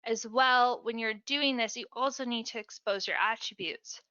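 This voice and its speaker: A woman support specialist explaining software steps in a casual webinar, friendly and chatty. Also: a little high, moderate pace, clean tone, no room sound, lo-fi sound.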